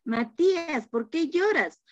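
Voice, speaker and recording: A student teacher playing a gentle preschool teacher who coaxes a child with endearments. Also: female voice, high voice, expressive, slow pace, dry recording, voice pushed up. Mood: soothing. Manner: coaxing, affectionate endearments. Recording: dull lo-fi video call audio.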